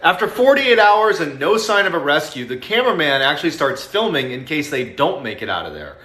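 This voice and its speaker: Lively man narrating suspensefully in a roomy space. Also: fairly high pitch, a little fast. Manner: suspenseful storyteller. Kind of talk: dramatic scripted narration. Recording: roomy echo.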